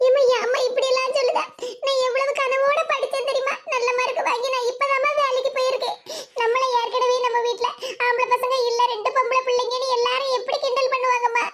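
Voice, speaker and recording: A woman voicing a tearful young working daughter in an animated cartoon, pleading in a southern Tamil accent from the Tirunelveli-Kanyakumari area. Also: extremely high pitch, fast, pitched above the performer's own voice.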